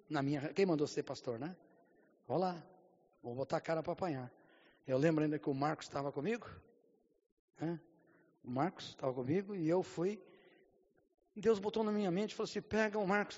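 High-voiced Brazilian pastor preaching fervently. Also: male voice, a little fast, long pauses, in a large hall, lo-fi sound. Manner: vivid storytelling that builds to fervent, near-shouted preaching; keeps repeating a stock phrase to the congregation. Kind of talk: sermon with personal testimony.

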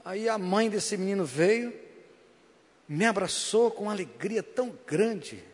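A man's voice: high-pitched, lively intonation, measured pace, slightly rough. A man with a Brazilian Portuguese accent preaching a sermon to a congregation as pastor, emphatic and repetitive, often asking the crowd for an "amen". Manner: emphatic, repeats phrases, keeps asking the congregation "Amém?". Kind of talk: sermon with personal testimony. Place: church before a congregation. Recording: long reverb of a church hall.

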